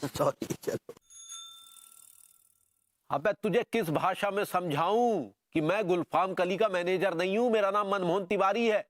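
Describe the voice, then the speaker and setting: Flustered stammering man, high and jumpy, close and dry. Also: measured pace, pauses often, no room sound. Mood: grumbling. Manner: stammering, panicky and pleading. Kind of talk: TV sitcom acting.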